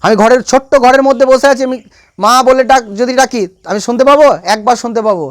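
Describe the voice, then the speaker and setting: A man's voice: very high voice, fairly even intonation, quick pace. A man teaching a science class, repeating key points and quizzing his students. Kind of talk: classroom lecture.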